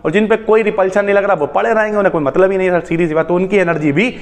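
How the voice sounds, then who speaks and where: एक आदमी chemistry teacher, जो हल्के-फुल्के मज़ाकिया अंदाज़ में छात्रों को "भाई" कहकर समझाता है।. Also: male voice, sits high, fairly even intonation, rapid-fire. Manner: chatty, jokey, calls students brother. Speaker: chemistry teacher. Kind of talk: casual explaining lecture. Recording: long hall reverb.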